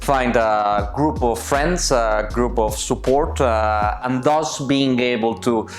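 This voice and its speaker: Speaking slowly at medium pitch, this Colombian interviewee, a native Spanish speaker, gives personal answers while faint music plays in the background. He comes across as thoughtful, often searching for the right words.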